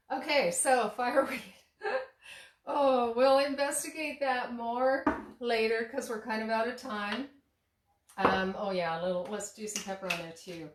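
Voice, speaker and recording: This cooking vlogger, who also owns a tea shop, has a mid-range voice gone a bit hoarse as she loses it. Chatting casually through a demo in her echoey home kitchen, she rambles with many fillers and restarts and laughs at herself.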